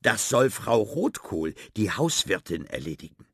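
A man reads a children's story aloud with lively storytelling. His voice is gravelly and a little husky, and the pitch swings freely. The recording is close and dry. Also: measured pace, no room sound. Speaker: narrator. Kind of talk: scripted narration of a children's story.

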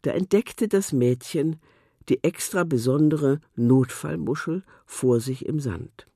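Slow, warm storybook narrator. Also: medium pitch, breathy edge, dry recording, clean studio sound.

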